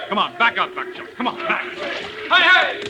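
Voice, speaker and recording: An actor playing a steady American frontier lawman with old-fashioned hero bravado in a radio western. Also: high-pitched, quick pace, loud music behind the voice. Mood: urgent, commanding. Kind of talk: 1950s radio western acting. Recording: noisy old radio recording.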